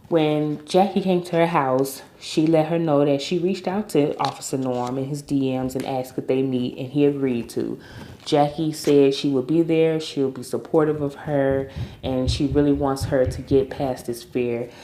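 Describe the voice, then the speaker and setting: A woman's voice: low-pitched, mellow, echoey room, a little hiss or hum. A woman recapping a reality TV episode in a chatty, opinionated way with informal slang. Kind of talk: casual recap commentary.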